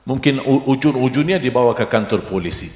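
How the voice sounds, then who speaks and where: A middle-aged man preaching a sermon with storytelling, animated and acting out the dialogue in his stories. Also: mid-range voice, brisk. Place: large hall at an Islamic boarding school. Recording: echoey hall with long reverb.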